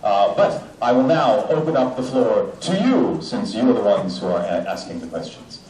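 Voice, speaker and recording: A man speaking at a convention question panel, joking and chatty with many filler sounds, his voice coming through a loudspeaker system with fuzz distortion from clipping. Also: on the low side, expressive, moderate pace. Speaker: voice actor answering fan questions. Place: large convention hall with an audience. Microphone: handheld mic into the house speaker system. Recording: echoey hall through loudspeakers, from far off, with crowd.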